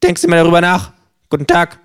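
A man's voice: high voice, very animated, fast, clear, resonant tone, voice pushed up. A man voicing a sarcastic, brash kangaroo. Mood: cold, cutting. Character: cynical, mocking male kangaroo, sharp-tongued. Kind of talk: reading aloud with character voices.

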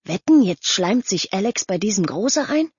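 A woman's voice: medium pitch, very animated, normal speed, a little mellow, breathy edge, no room sound, voice pushed up. A woman voicing a suspicious, mocking teenage boy who talks in scornful slang. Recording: dull lo-fi audio.

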